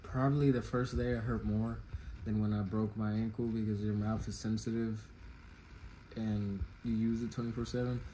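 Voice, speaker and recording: Low, flat young man, swollen sore mouth. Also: moderate pace, a little hiss or hum, poor audio. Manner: talking with a swollen, sore mouth after wisdom teeth removal. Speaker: vlogger. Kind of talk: casual chat to camera.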